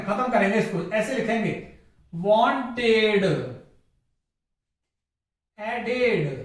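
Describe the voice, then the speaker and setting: A man's voice: extremely high pitch, fairly bright tone. A man teaching English pronunciation in a classroom-style lesson. He drills each word by repeating it, and he asks questions and then answers them himself. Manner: drills words by repetition, asks and answers his own questions. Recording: echoey room, mic far off.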